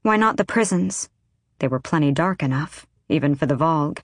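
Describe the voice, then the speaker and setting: Lady doing a cocky sharp-tongued young assassin woman, bit higher than her narration. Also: expressive, normal speed, dry recording, studio quality. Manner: sharp, challenging.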